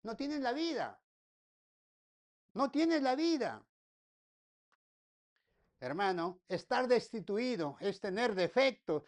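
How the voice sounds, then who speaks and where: Woman pastor preaching. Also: mid-range voice. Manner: repeats phrases, asks the congregation rhetorical questions; folksy, joking asides. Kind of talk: sermon.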